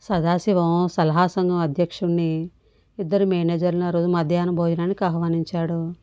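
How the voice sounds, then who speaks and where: A woman reading a novel aloud in a steady, measured storytelling voice. Her tone is mellow and warm, and the recording is dry and slightly dull. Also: lowish voice, smooth, dry recording. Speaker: audiobook narrator.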